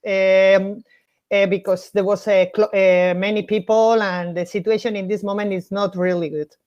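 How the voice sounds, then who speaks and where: High-voiced woman with a Basque accent. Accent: Basque Spanish. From Basque Country, northern Spain. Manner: halting non-native English. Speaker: film-maker guest in live chat. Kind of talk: casual live video chat. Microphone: video call. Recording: dull lo-fi video-call audio.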